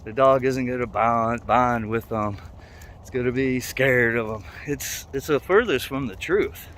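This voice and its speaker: Man, casual walk-and-talk vlog, plain-spoken, rambling, mid-pitched, faint outdoor noise. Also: a little slow, a bit bright. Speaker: dog trainer vlogger. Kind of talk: casual talk to camera while walking. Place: outdoors, walking in a neighborhood. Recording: outdoor ambient street noise.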